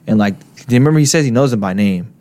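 A young man co-hosting a casual podcast chat, animated and laughing often, given to repeating phrases. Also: mid-range voice, racing. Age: young adult. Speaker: podcast co-host.

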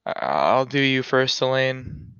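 A man's voice: mid-range voice, sing-song, slow, gravelly, fairly bright tone, clear, resonant tone, dry recording, full character voice. A man playing a smug, vain young boyfriend in a comedy skit, teasing and mock-serious. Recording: dull lo-fi sound.

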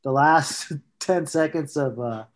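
A man's voice: on the high side, takes it slowly. A man co-hosting a podcast in casual banter, rambling and joking, now and then slipping into goofy voices. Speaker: podcast co-host.

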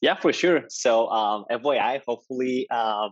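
A Mexican man with a Mexican Spanish accent appears as a developer advocate guest in a casual tech interview, sounding enthusiastic and often checking in with "right?". His voice is medium-pitched at a normal speed, captured in a dry, lo-fi recording.

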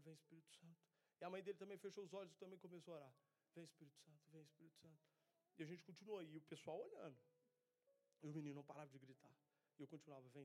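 Fast-talking young preacher. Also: male voice, high voice. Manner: casual slangy storytelling, drops to a hushed voice when praying. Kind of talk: testimony sermon to a congregation.

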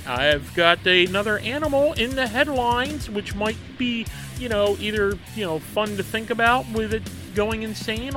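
A man hosting a podcast, giving a casual, rambling, conversational rundown of the show. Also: sits high. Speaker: podcast host. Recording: clear music under the voice. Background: music.

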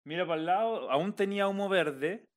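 A man with a Chilean Spanish accent walks through the details of an anime scene. His voice sits fairly high, and his delivery is relaxed and full of slang. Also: brisk. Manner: explanatory, relaxed, with slang tags. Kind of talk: casual anime discussion.

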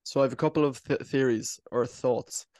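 A man's voice: mid-range voice, steady tone, moderate pace, darkish tone, no room sound, clean studio sound. A man co-hosting a golf podcast, laying out ideas in a thoughtful, slightly hesitant casual chat. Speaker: podcast co-host.

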